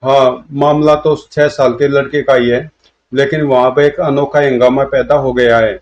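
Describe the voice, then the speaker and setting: A man's voice: mid-range voice, steady tone, moderate pace, close to an everyday voice. A man voicing a chatty old uncle explaining neighborhood gossip, in a comic storybook reading. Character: elderly male household elder, chatty neighbor. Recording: dull lo-fi audio.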